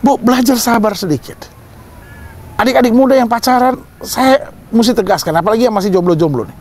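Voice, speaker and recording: A man's voice: very high voice, brisk. A male pastor preaching a sermon, joking with the congregation and acting out little scenes. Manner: animated, joking asides to the congregation, mock voices.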